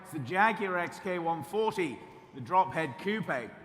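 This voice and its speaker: A man's voice: fairly high pitch, animated, measured pace. A man working as an auctioneer, calling and repeating bids in a clipped live sale patter. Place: large auction room at a motor festival. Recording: noisy, reverberant auction hall PA.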